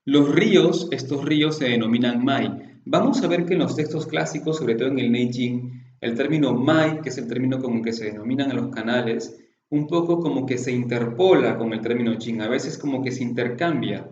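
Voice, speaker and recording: A man's voice: medium pitch, normal speed, darkish tone, reverberant, lo-fi sound. A man giving a course lecture on classical Chinese medicine, explaining patiently and posing rhetorical questions to his students. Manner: explanatory, poses rhetorical questions, often adds tag questions.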